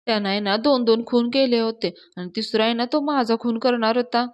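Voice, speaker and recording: A woman's voice: fairly high pitch, fairly even intonation, brisk, lightly acted. A woman doing a frightened rustic landlord. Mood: scared. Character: frightened middle-aged male landlord.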